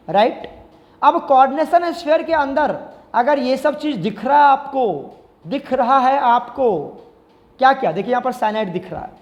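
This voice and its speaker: A man's voice: very high-pitched, long reverb tail. A male chemistry teacher, giving a classroom lecture and repeatedly asking the class questions and answering them himself. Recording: slightly dull lo-fi sound.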